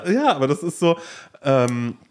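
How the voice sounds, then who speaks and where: A man co-hosts a relaxed podcast conversation at a medium pitch. He tells anecdotes with lots of energy and slips into the voices of the people he quotes. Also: moderate pace, a little hiss or hum. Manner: animated storyteller who acts out quoted dialogue. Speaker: podcast co-host. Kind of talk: casual podcast chat.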